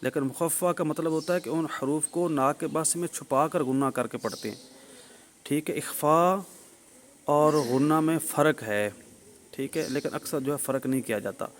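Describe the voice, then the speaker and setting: A man teaching the rules of Quran recitation. He explains step by step, repeats his points, checks in with his listeners and sounds out example syllables loudly and slowly. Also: on the high side, a little hiss or hum. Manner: demonstrates sounds with loud drawn-out examples. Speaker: tajweed teacher.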